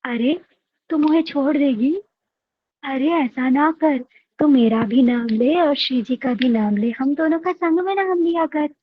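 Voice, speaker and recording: A woman's voice: high-pitched, measured pace, phone-quality sound. A woman doing a doting god pleading through a man. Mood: coaxing. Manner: coaxing, tender, repeating questions. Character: the deity speaking through a possessed old male priest, pleading and doting.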